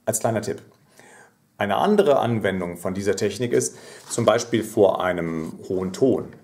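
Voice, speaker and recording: Low-voiced man teaching singing technique. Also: expressive, moderate pace, a little mellow. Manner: explanatory, sings short demonstration phrases. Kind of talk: voice lesson.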